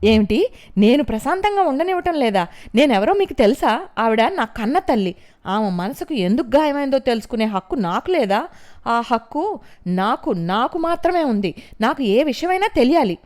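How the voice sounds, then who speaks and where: A woman acting out a furious young woman, shrill and very loud, shouting accusations, storybook reading, high pitched. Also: big pitch swings, moderate pace. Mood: shouting angrily.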